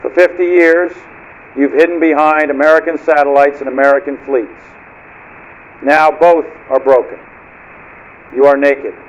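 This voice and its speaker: A man's voice: on the high side, steady tone, highs cut off, slight background noise. A man playing a menacing submarine commander over marine radio. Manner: measured, menacing, declamatory. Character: cold menacing male rogue submarine commander.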